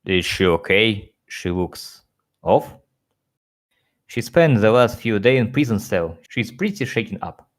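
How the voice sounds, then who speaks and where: A man reading out pony characters' lines in a louder, animated voice for an audio fanfic. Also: lowish voice, a little slow. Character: various pony characters, male and female.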